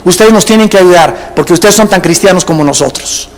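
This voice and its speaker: A man's voice: sits high, brisk. A male pastor preaching a sermon in a large church, driving his points home with emphatic repetition and acting out what churchgoers say. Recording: long hall reverb.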